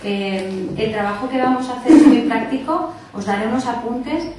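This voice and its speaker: Speaking at a moderate pace in a slightly high voice, a workshop instructor from the Barcelona area of Spain gives an informal explanatory talk to a small group. She shows things with her hands and keeps asking "¿vale?" to be sure everyone is following. Captured by a distant camera in a small indoor meeting room, the audio is echoey with faint hiss.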